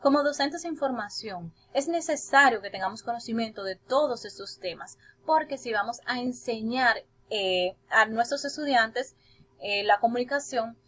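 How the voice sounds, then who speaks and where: A young woman in training to teach presents to her class in a steady, explanatory way. Her voice sits a little high, and she stops for brief hesitant fillers between points. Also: moderate pace.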